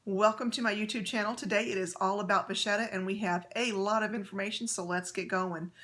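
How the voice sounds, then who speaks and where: A woman's voice: medium pitch, steady tone, brisk, a bit bright. A woman hosting her own vlog, talking casually to camera in a chatty, friendly way, with many fillers and restarts as she explains things. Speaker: handbag vlogger. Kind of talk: casual how-to talk to camera.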